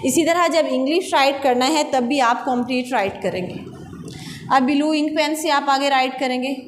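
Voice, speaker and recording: A woman schoolteacher with a Pakistani accent, slowly and patiently dictating English words and meanings to children in a class lecture. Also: high-pitched. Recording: echoey classroom, faint background noise.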